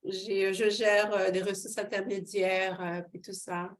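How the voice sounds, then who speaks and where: This middle-aged interview guest recounts her faith with fervor, using a mid-range voice at a measured pace. She laughs often and leans on many fillers, staying highly expressive.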